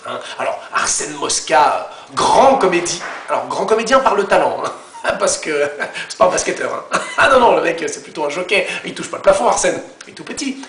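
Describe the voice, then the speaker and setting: A man's voice: a little high, a bit bright, echoey room, a little hiss or hum. A man doing a comic recap rant as host, mocking and scornful.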